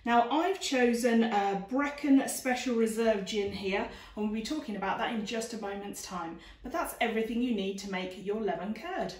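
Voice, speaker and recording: A woman in her forties gives a chatty, informal cooking demonstration to camera in a home dining room, talking at a moderate pace with hardly any pauses. Her voice is on the high side with a darkish tone. The camera microphone sits a few steps away, so the sound is roomy and distant.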